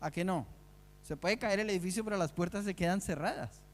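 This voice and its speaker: Male pastor, high voice, emphatic sermon delivery with rhetorical questions, long church-hall reverb. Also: a little fast. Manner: repeats key phrases for stress. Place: church sanctuary.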